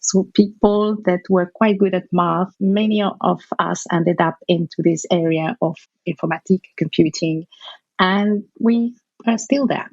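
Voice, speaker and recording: A middle-aged woman from Algeria speaks in a low, gravelly voice, answering interview questions thoughtfully and sometimes restarting a phrase mid-thought. The audio is dull and lo-fi, with a dry, close sound. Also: a little slow, darkish tone, no echo. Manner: thoughtful, searching for words, restarts. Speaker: guest researcher.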